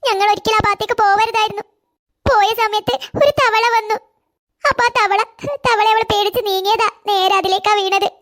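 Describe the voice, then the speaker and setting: A woman's voice: very high-pitched, fairly even intonation, brisk, a bit bright. A woman voicing a frightened little girl in a cartoon who cries and talks breathlessly. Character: panicked little girl named Sneha. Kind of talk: cartoon voice acting.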